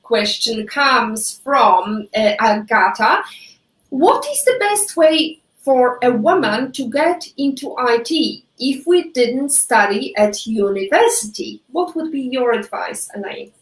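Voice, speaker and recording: A woman's voice: fairly high pitch, big pitch swings, slow pace, roomy sound, distant mic, poor audio. A woman from Poland, a native Polish speaker, hosting a live-streamed interview with enthusiastic, slightly non-native phrasing. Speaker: host.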